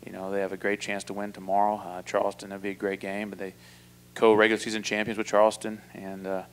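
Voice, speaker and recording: After a loss, a basketball coach in his forties fields press questions in a press room through a table mic in front of him. His voice is on the low side, and his delivery is measured, flat, and halting, packed with fillers and restarts.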